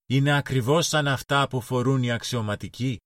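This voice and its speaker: A man's voice: mid-range voice, no echo, clean studio sound, voice pushed up, close to an everyday voice. A man voicing a small, timid boy who admires his friend, in a storybook reading. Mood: admiring. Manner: admiring exclamations.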